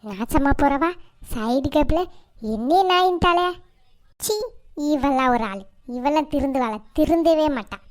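A woman voicing a sharp-tongued older mother-in-law in a cartoon, scolding and cursing. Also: high voice, animated, unhurried. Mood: spiteful. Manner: nagging, cursing, scornful. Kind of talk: cartoon voice acting.

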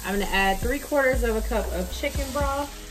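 A woman's voice: on the high side, brisk, rough recording. A woman casually talking viewers through a recipe step by step while she cooks at her home stove. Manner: relaxed step-by-step explaining with fillers. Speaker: cooking vlogger. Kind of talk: casual cooking tutorial. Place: home kitchen at a gas stove. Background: background music and sizzling pan.

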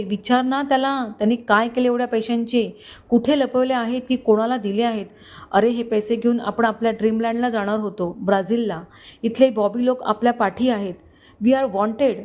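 A woman voicing a furious, desperate young female criminal who rants in a shrill voice. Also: darkish tone, close to an everyday voice.

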